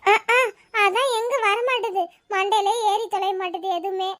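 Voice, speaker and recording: Sulky older-sister schoolgirl for a cartoon, very high, mopey and complaining. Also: fairly even intonation, moderate pace, a bit bright. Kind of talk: cartoon voice acting.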